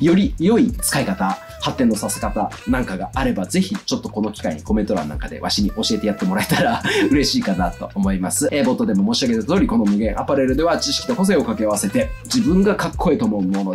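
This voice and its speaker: A man in his thirties chats through a casual review in an Okayama accent. His pitch swings in a lively way and his pace is brisk, with folksy dialect mixed into polite phrasing, over guitar music. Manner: old-fashioned dialect phrasing mixed with polite sign-offs. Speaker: vlog host and clothing reviewer. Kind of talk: casual review talk to camera. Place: small furnished room indoors.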